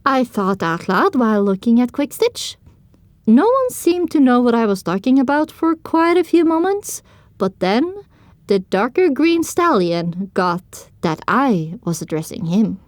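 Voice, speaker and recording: In dry, close audio with no room sound, a woman with a somewhat high voice performs scripted first-person narration for an audio drama. She's very animated yet unhurried.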